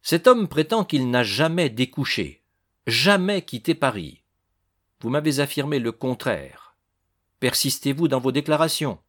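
A man's voice: mid-range voice, animated, unhurried, lightly acted. A man voicing a stern male judge who questions a suspect severely, with a raised, insistent voice.

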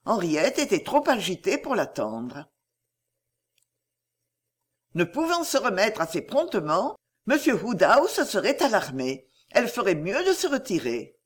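Expressive woman narrator with a husky voice. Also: mid-range voice, measured pace. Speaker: audiobook reader. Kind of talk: audiobook narration of a classic novel.

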